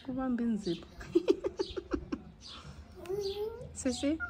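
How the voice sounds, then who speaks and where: A young woman with a Zimbabwean accent vlogging outdoors in a home yard, mixing English with Ndebele and gently coaxing a small child. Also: sits high, expressive, moderate pace, noisy background. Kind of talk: casual vlog chat.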